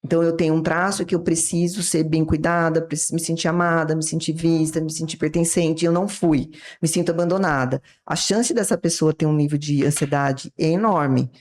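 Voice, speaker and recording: A woman's voice: low-pitched, fairly even intonation, brisk, few pauses, a little mellow. A woman with a Brazilian Portuguese accent, a psychiatrist guest explaining ideas in an interview and acting out short example dialogues. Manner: didactic, acts out little dialogues from examples.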